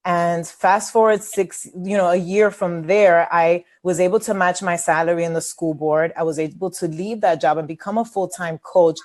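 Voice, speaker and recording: A woman's voice: fairly low pitch, steady tone, normal speed, few pauses. Candid, chatty New woman. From New York City. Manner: candid and chatty, many fillers. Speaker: webinar host and coach. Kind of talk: casual webinar talk.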